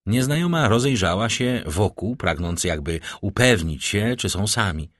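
A man reading an audiobook chapter in a measured, dramatic narrating manner. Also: lowish voice, expressive, fairly bright tone, no echo, studio quality.

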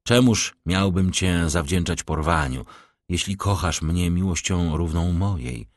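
A man's voice: sits low, a little slow, no echo, studio quality. A man reading an audiobook, voicing a resolute young man in love in an earnest, declamatory manner. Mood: ardent. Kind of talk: audiobook reading of a classic novel.

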